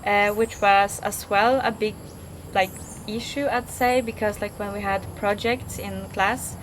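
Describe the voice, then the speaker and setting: A Polish woman in her 20s, speaking with a Polish accent, answers questions as a guest in a casual interview. Her middling-pitched voice is unhurried and fairly even, but hesitant, full of fillers and restarts. Faint background noise sits beneath her.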